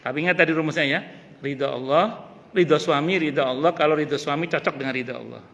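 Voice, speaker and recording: A man a tinge gives a casual religious lecture, lively and joking. His voice is bright and a little high. A long reverb from the mosque hall trails behind him. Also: fast talker, vocal fry. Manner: lively, joking asides, repeats key phrases. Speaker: ustadz teaching a mosque study group.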